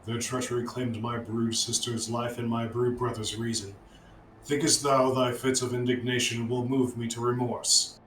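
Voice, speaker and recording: A man's voice: medium pitch, little pitch movement, normal speed, a bit bright, lightly acted. A man voicing a proud, embittered old dragon, reading game dialogue aloud in grave, archaic pronouncements. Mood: scornful, grave. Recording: echoey room with clear background noise.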